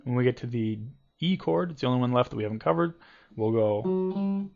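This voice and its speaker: This guitar teacher has a mid-range, creaky voice and talks rapid-fire. He explains things loosely during a casual lesson, full of ums and restarts, and the home video audio is dull and lo-fi, with guitar audible.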